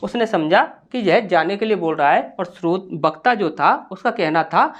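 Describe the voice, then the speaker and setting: A man's voice: high-pitched, moderate pace, highs cut off. A male teacher giving a grammar lesson in a patient, step-by-step classroom manner. He keeps posing rhetorical questions to his students and then answers them himself.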